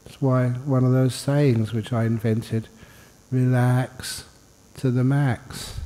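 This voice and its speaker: A Buddhist monk and meditation teacher leads a guided meditation in an indoor hall, his mellow, medium-pitched voice staying fairly level. He guides in an unhurried, informal way with pauses and gentle humor, and a long reverb tail trails his words.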